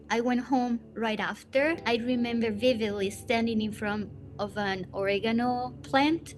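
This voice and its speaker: A woman from Costa Rica, a watercolor artist in her thirties, talking thoughtfully about her work with many fillers. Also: medium pitch. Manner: thoughtful, with frequent fillers and soft laughs. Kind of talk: reflective personal interview.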